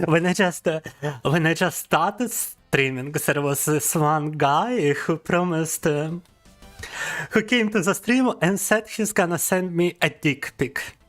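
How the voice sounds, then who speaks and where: A playful young man, a VTuber streamer whose first language is Russian, speaks slowly in a fairly bright, higher-leaning voice over soft background music. In a casual livestream chat, he teases, reads the chat aloud, and laughs often.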